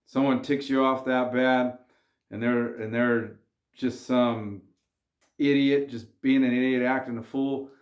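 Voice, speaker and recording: In an echoey room, a male vlogger delivers a casual advice monologue directly to the camera, warning his audience to keep their cool. His medium-pitched voice is flat and a little slow, while his manner stays laid-back, slangy and earnest.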